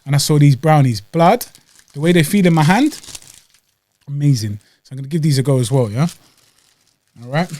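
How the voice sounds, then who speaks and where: A man's voice: on the high side, moderate pace, long pauses, dark tone. A man with a London accent and slightly weak R sounds, bantering casually as a podcast co-host with slangy, playful bickering while reviewing food. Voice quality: weakly pronounced R sounds. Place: podcast studio.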